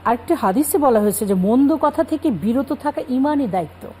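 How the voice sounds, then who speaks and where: A woman speaking as a guest on a religious talk show, calmly explaining scripture and manners. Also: high-pitched, fairly quick, slight background noise, low-quality recording. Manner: calm explanatory, cites scripture.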